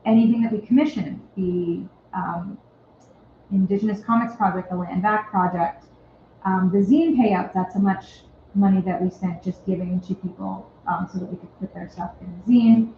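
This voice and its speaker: A woman's voice: medium pitch, steady tone, normal speed, a little hiss or hum. A woman on a festival board giving a casual presentation at an annual meeting, chatty and wry, with lots of ums and likes. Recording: echoey, phone-like tinny sound.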